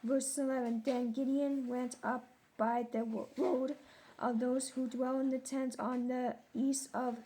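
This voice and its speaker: Woman, slow halting Bible reader, mellow tone, fairly flat. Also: high-pitched. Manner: halting, repeats names after a pronunciation guide. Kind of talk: slow verse-by-verse Scripture reading.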